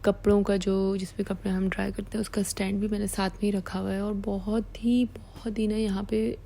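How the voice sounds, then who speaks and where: A woman's voice: mid-range voice, level tone, moderate pace, vocal fry, warm tone, slight background noise, rough recording. A woman from Pakistan giving a chatty, affectionate vlog tour of her small apartment, repeating words like "pyari si". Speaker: vlogger.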